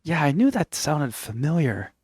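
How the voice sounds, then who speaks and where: A Canadian man whose first language is Italian chats casually while playing on a game stream, his voice a little high and darkish in tone, swinging widely in pitch at a normal speed. He tells stories in a rambling way and often corrects himself. There is slight background noise.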